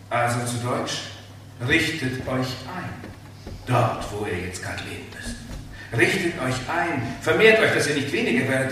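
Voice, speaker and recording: A man preaching a sermon, emphatic and animated, asking the listeners rhetorical questions. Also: medium pitch, distant mic. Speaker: pastor. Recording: very echoey hall, speaker off-mic, faint room noise.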